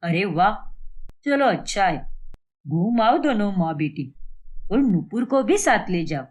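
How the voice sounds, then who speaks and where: A woman voicing a calm, easygoing middle-aged father in an animated storybook. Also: a little slow. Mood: mild. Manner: mild, lowered voice.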